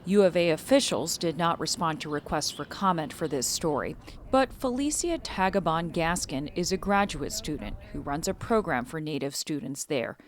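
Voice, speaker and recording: A woman's voice: low voice, expressive, normal speed, slight background noise. A woman reporter reading scripted narration for an investigative news exposé.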